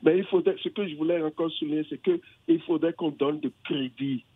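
A man's voice: on the high side, brisk, slightly rough. A man from England calling into a radio show, hesitant and searching for words, with many restarts. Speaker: caller. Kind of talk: phone-in conversation. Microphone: telephone. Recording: tinny phone line.

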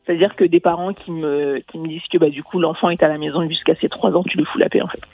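Speaking fast in a low, steady, slightly rough voice, this woman coaches as a radio guest, earnestly explaining while stumbling through fillers and restarts. She's from Mali but grew up in France. There's no echo; the phone-like, dry line carries faint music underneath.

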